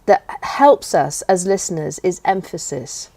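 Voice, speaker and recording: A woman speaking as a guest in an interview about speaking skills, animated and hitting her words for emphasis. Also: fairly low pitch, a little slow, dry recording. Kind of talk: conversational interview. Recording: very dry close sound.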